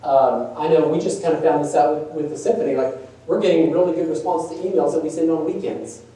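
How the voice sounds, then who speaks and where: In a large, echoey conference room, a man presents a workshop at a nonprofit conference, speaking casually and conversationally with many fillers. His voice is on the high side, warm and fairly even, at a quick pace, and the distant mic picks up lots of room echo.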